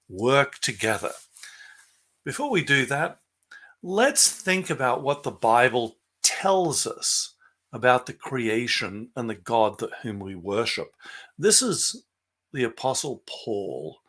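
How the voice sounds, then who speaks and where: A man from Southeast Asia giving an earnest, measured church presentation with slides over a video call. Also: mid-range voice, sing-song, fairly bright tone. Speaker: guest speaker, scientist.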